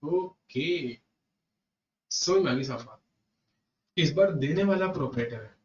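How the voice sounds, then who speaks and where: An Indian man teaching a class with a slightly high voice, circling back over each point as he talks straight to his students. He sounds roomy and set back from the mic, a bit muffled. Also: unhurried. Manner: animated, repeats points, addresses students as "beta" and "sahab". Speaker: GST lecturer. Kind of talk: classroom lecture. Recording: echoey room, distant muffled mic.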